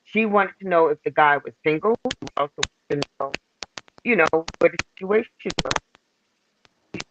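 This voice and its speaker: A woman calling in to a casual chat, speaking in halting, deliberate phrases through a crackling, faulty mic. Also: sits low. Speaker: guest calling in. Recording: dull remote line with crackle.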